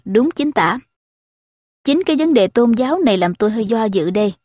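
A woman doing a mocking young gentleman. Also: a little high, animated, a little fast, no room sound. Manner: dry, teasing irony.

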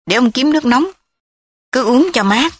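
A woman's voice: high voice, animated, moderate pace, pitched above the performer's own voice. Woman reading a pleading old grandfather. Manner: pleading, anxious.

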